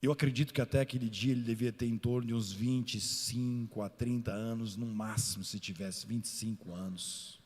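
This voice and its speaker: A man with a Brazilian Portuguese accent, a pastor preaching a sermon through a lively personal story. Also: medium pitch, moderate pace, hardly any pauses, husky. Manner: animated, addresses listeners as "meu irmão". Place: church. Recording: reverberant church hall.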